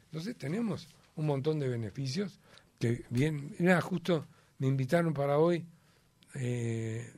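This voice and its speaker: A man's voice: mid-range voice, animated, unhurried, darkish tone, no echo. A man with a Uruguayan Spanish accent, chatting as a guest in an emphatic, rambling way with many fillers. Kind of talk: casual chat.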